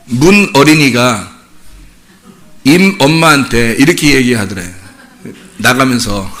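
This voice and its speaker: A male pastor preaching a sermon in a conversational, animated way, often laughing and acting out little dialogues. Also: on the high side.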